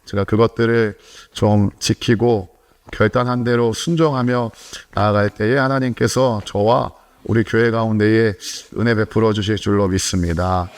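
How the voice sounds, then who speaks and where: A man's voice: lowish voice, fairly even intonation, moderate pace. Man leading church greetings. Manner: leads congregation greetings. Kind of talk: worship service remarks.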